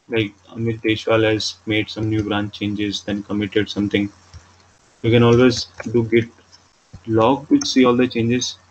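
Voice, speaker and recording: Male tech instructor, Indian accent, even monotone walkthrough, dull lo-fi mic with some background noise. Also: mid-range voice. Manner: repetitive, simple step-by-step explaining. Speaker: programming instructor. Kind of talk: screen-recorded tutorial, explaining step by step.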